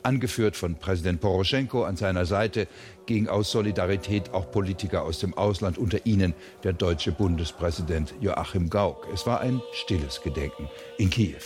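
A man presenting the evening news in a television studio with a measured, formal delivery. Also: sits low, a little mellow. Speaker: news anchor.

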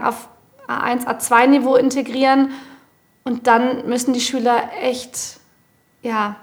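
Teacher lady talking in an interview, bit high voice, casual. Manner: casual, with fillers. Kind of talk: interview answers.

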